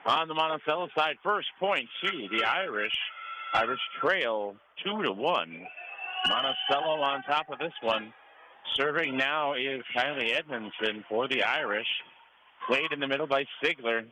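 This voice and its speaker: This radio play-by-play man works a volleyball match from courtside, narrating in short, clipped bursts. He has a mid-range voice with lively intonation and a slightly slow pace, while the noisy gym can be heard clearly in the background.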